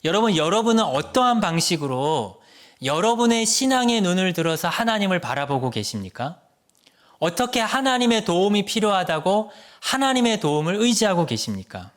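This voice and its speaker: A male pastor giving a sermon, asking the congregation questions and dropping to a soft hush at the ends of phrases. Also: high-pitched, very animated, moderate pace. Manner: earnest preaching with rhetorical questions to the congregation.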